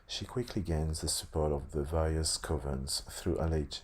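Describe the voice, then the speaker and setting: A man with a lisp reading aloud haltingly, stumbling and correcting himself, with casual asides. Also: a bass voice, husky. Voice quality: lisp on s sounds. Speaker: host reading a tabletop game sourcebook aloud.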